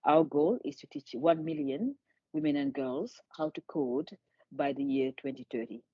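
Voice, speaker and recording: A Senegalese charity founder in her 50s speaks earnestly in a conversational interview, repeating words as she restarts and laughing lightly. Her voice is low and moderately paced, recorded dry with lo-fi sound.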